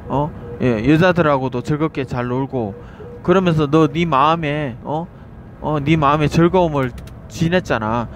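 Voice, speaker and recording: A preacher putting on a mocking, taunting devil. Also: male voice, a little high, a little hiss or hum, lightly acted. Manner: mocking, needling rhetorical questions. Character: taunting male devil whispering temptations.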